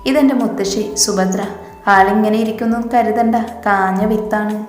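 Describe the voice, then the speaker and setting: Lady doing cheeky young girl, joking, kinda flat, roomy echo. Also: mid-range voice, moderate pace, faint music behind, close to an everyday voice. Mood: coaxing. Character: playful young woman, cheeky daughter.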